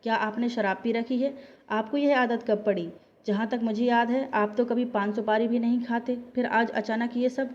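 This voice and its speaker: A young working wife in a family story, firm and outspoken, voiced by a woman narrator. She reasons things out step by step in a slightly high voice, heard through a dull, lo-fi recording. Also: fairly even intonation, moderate pace, a little mellow, lightly acted. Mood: worried.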